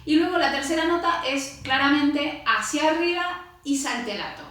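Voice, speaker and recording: A woman teaching double bass, explaining patiently, singing rhythms with syllables and counting aloud. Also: animated, moderate pace, over loud music. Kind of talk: instructional music lesson. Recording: very echoey room.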